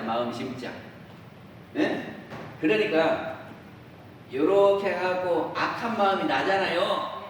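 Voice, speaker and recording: A dharma talk comes from a Won Buddhist minister whose voice is on the high side, as he questions his congregation and acts out everyday quotes. The temple dharma hall is very echoey, he sounds distant, and faint hiss is present.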